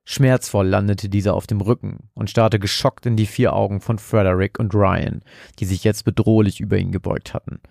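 Man, horror story narration, low voice, gravelly, dry close sound, measured dramatic reading. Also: steady tone, darkish tone, no room sound.

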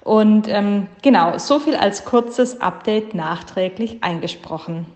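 A woman co-hosting a podcast gives a brisk, upbeat spoken update, recorded as a low-quality voice message. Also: darkish tone, reverberant. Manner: brisk, upbeat, lightly correcting herself. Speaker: podcast co-host. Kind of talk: quick spoken news update.

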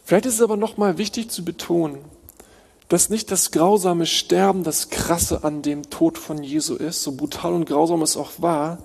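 Guy preaching a sermon, kinda high gravelly voice, repeats short lines hard, lots of hall echo. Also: fairly even intonation, normal speed. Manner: emphatic repetition of short phrases, swinging between hushed and urgent. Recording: reverberant hall sound.

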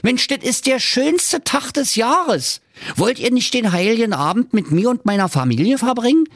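A man performs a full character voice as a cheerful, gushing young nephew, pitched well above his own voice. The delivery is very high, sing-song and a bit bright at a moderate pace, in a dry, studio-quality recording.

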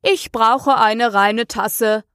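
A woman's voice: fairly high pitch, extremely slow, a bit bright, no echo, studio quality. Storybook hatter: rude, mocking, pleased with himself, read by a woman. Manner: brusque, mocking. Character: rude, triumphant eccentric male hatter.

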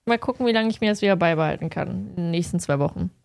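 A young woman, co-hosting a podcast, telling stories in a lively way and acting out the people in them. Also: lowish voice, racing, vocal fry, a little hiss or hum. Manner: lively storytelling, acts out quoted people. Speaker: podcast co-host. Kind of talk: casual chat.

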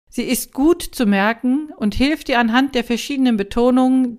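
A woman coach hosting her own podcast, reading a prepared monologue and speaking directly to the listener with many questions. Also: a little high. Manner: slow, measured, addresses the listener directly with questions.

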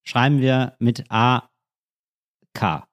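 A man's voice: mid-range voice, slow. A man co-hosting a casual podcast, playful and musing as he rambles through his own theories. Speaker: podcast co-host. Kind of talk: casual chat.

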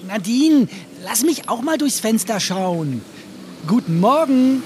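A performer voicing Kasper, an excitable, curious puppet jester in a children's audio play. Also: mid-range voice, slow, slight background noise. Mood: eager. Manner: curious, asks many questions. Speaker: puppet character.

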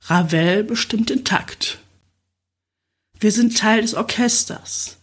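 A woman voicing a calm, dominant man who murmurs in a low, deliberate way, in an audiobook. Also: breathy edge. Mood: murmuring.

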